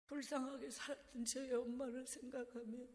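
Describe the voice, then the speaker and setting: High-voiced woman preacher in a church. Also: little pitch movement, brisk. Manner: emotional storytelling, dropping to hushed, breathy tones. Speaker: evangelist preacher. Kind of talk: revival sermon testimony. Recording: reverberant church hall.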